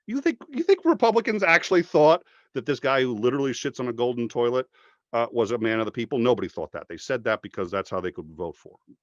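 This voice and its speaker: A man's voice: mid-range voice, big pitch swings, fast talker, no room sound. A man making a passionate, profane argument in casual conversation, jumping into mocking voices when he quotes people. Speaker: podcast guest. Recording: dry, slightly dull podcast audio.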